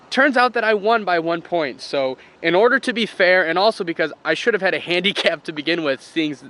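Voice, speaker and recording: Out on a frozen pond and along a river, a high-voiced young fishing host vlogs in an excitable, informal way, cursing without restraint. It's casual outdoor chat. The noisy audio comes from an action camera he holds or wears.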